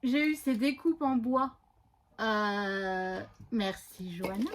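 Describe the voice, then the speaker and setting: A woman's voice: mid-range voice, animated, takes it slowly. A woman vlogger chatting casually from her home craft room, rambling and hesitating a lot as she shows off what she bought. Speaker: scrapbooking vlogger. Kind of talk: casual haul video chat.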